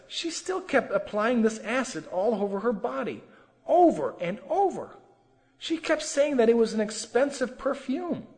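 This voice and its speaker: A man's voice: high-pitched, long reverb tail. A man telling a sermon testimony with earnest, emotional storytelling. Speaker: testimony preacher.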